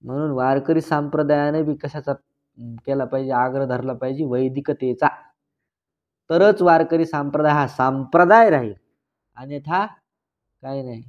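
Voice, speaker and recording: A man teaching a religious scripture discourse, posing questions to his listeners and answering them himself, and slowly reciting Sanskrit passages. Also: mid-range voice. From Maharashtra. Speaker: Vedanta teacher. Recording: dull lo-fi recording.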